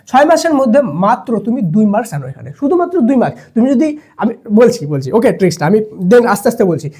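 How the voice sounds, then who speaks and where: A young man teaching students quick exam tricks as a math tutor. He keeps checking in with "okay?" and answers questions he voices for the students himself. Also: very high-pitched, a little mellow. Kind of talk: fast exam-tips lesson to students.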